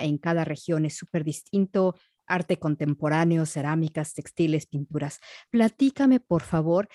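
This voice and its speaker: Mexican woman host, low voice. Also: darkish tone, no room sound, clean studio sound. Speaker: interview host. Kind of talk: radio interview.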